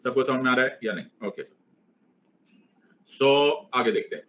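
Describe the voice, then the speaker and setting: Playful Indian teacher lecturing a class. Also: male voice, medium pitch, moderate pace, pushed and bright. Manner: playful, acts out students' replies in a put-on voice. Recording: dull lo-fi recording.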